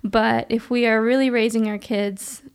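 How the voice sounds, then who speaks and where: A woman's voice: a little high, little pitch movement, normal speed, smooth. A young woman hosting a podcast, telling stories in a chatty way and using lots of "like" and "you know". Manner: chatty storyteller, many "like" and "you know" fillers. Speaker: podcast host. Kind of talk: casual chat.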